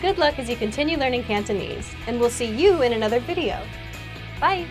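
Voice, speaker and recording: A woman's voice: a little high, expressive, fairly quick, over music. Upbeat woman reading a scripted promo. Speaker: lesson presenter. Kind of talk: scripted narration.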